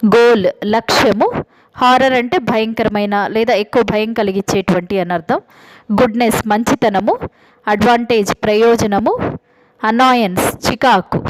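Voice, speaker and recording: A woman with a Telugu accent teaching a spoken English class. She explains in a quick, chatty way, then reads out a vocabulary list at a steady pace. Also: fairly high pitch, a little hiss or hum, poor audio. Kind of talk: vocabulary lesson, reading word lists.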